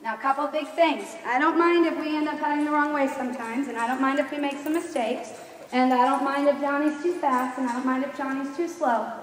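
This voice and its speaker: During live lesson coaching, a riding instructor with a high voice projects brisk commands, firm and instructive, questioning her pupil. The distant mic picks up heavy reverberation like a big hall or arena. Faint background noise sits behind her.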